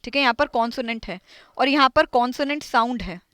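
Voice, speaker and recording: A woman's voice: on the high side, a little fast, a bit bright, no echo. A woman teaching an English grammar lesson, quizzing her students and repeating each point. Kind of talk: classroom lesson.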